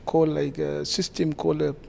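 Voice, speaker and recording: There's a little background noise as a man with a South Sudanese accent, the president of a community association, is interviewed. He pauses often and speaks haltingly, in a fairly high, flat voice that is both gravelly and mellow.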